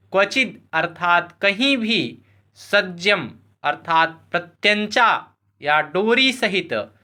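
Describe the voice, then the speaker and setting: A man teaching Sanskrit, slowly glossing a classical verse word by word. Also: high-pitched. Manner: slow, measured word-by-word glossing; chants verse slowly and louder. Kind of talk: explaining a classical verse line by line.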